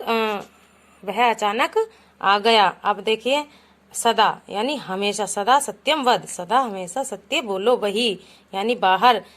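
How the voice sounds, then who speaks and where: A woman of medium pitch and fairly bright tone patiently leads a children's Sanskrit lesson. She reads each example out, translates it into Hindi, explains it, and refers to the pupils as "beta."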